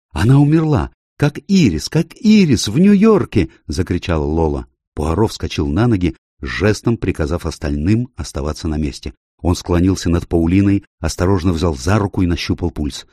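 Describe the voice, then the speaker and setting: A man reading an audiobook aloud with steady, expressive narration. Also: very deep voice, breathy edge, no room sound, clean studio sound.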